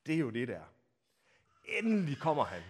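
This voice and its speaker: Male preacher, sermon, dramatic storytelling, somewhat high voice, very lively pitch, hushed to loud. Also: slightly rough. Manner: dramatic storytelling, acts out crowd shouts; rhetorical questions, swings from hushed to loud. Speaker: pastor. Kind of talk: Palm Sunday sermon.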